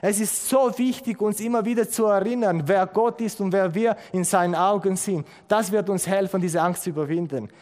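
Male preacher, high voice, unhurried emphatic sermon delivery, long hall echo. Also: darkish tone. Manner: slow, emphatic, repeats key phrases.

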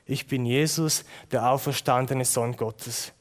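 A male preacher voicing the risen Jesus as a calm, loving man, speaking gently and reassuringly. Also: mid-range voice, measured pace, pitched below the performer's own voice, close to an everyday voice. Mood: tender.

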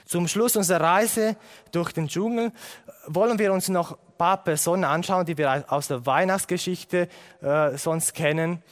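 A pastor delivers his sermon in a somewhat higher-than-usual male voice. He speaks earnestly, stacking up repeated phrases to drive each point home. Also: a little slow.

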